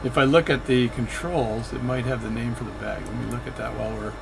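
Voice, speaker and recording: A flight sim video creator narrates his session casually, chatting and rambling and often correcting himself mid-sentence. His medium-pitched voice is creaky, a little fast, and fairly even in intonation. Background noise is audible.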